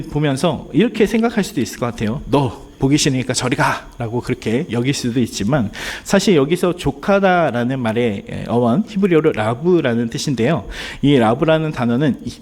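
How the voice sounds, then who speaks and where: With a husky, medium-pitched voice of darkish tone, this pastor preaches earnestly to his congregation in a church sanctuary. At times he acts out pleading prayers as he addresses them directly.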